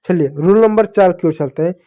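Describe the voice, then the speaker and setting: A man's voice: high-pitched, fairly quick, dark tone. A man teaching young children to read, patient, asking them questions and repeating each point. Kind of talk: children's phonics lesson.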